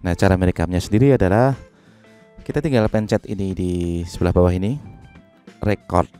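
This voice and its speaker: A man giving a relaxed, step-by-step music software tutorial from a home studio mic. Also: deep voice, a little fast, smooth. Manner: relaxed, step-by-step explaining with fillers. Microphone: studio microphone into a sound card.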